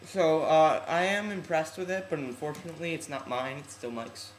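A man's voice: on the high side, moderate pace. A teenage man with slightly odd articulation from braces, giving an offhand, slangy, unscripted demonstration for a casual home vlog. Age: teens. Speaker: hobbyist video host. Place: large room at home, indoors. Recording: echoey room, noisy webcam-style audio.

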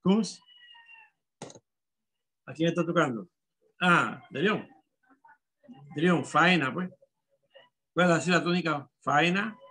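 A man's voice: a little high, measured pace, pauses often, bright, forceful tone, husky. A male primary school teacher running an online class, calling on pupils and patiently spelling words out syllable by syllable.

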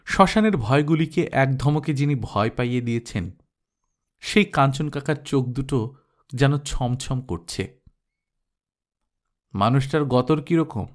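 A man narrating a literary short story in a measured, expressive reading voice. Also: mid-range voice.

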